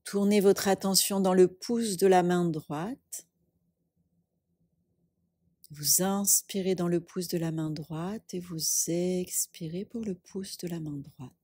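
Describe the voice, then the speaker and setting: Speaking softly and breathily in a voice on the low side, a woman who teaches yoga nidra leads a guided meditation very slowly. Each calm, brief instruction is followed by a long pause. There is no room sound, so the audio is dry.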